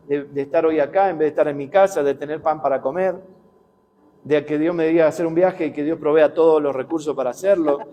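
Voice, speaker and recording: Mellow-voiced preacher with a Rioplatense accent. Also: male voice, a little high. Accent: Rioplatense Spanish. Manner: conversational, with rhetorical questions and anecdotes. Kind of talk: sermon. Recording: long hall reverb.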